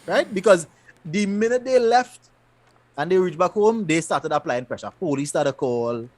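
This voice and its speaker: A man, co-hosting a casual show recap and retelling scenes in an animated way. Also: high voice, moderate pace. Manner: animated, loose storytelling with repeated restarts. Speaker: podcast co-host.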